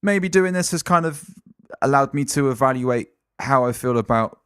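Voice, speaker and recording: A man co-hosting a film podcast, talking casually and teasing his co-host with quick questions. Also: medium pitch, expressive, fairly bright tone, clear, resonant tone, no room sound, studio quality. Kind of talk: casual chat about films.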